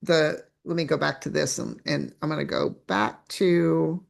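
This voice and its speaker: A woman's voice: sits low, measured pace, vocal fry. A woman coach teaching a live online training, chatty, asking rhetorical questions and restarting her phrases. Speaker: business coach.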